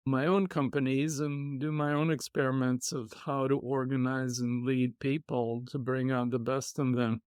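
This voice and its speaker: A middle-aged man, a podcast guest telling his life story in a reflective, measured way. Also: medium pitch, clean tone, dry recording, clean studio sound. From Israel. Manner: reflective, measured, with soft laughs. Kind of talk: conversational storytelling.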